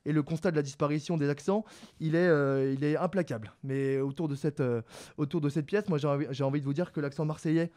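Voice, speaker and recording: Young man, student radio debater, rapid-fire delivery, playful, slightly high voice. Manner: lively, mock regional imitations.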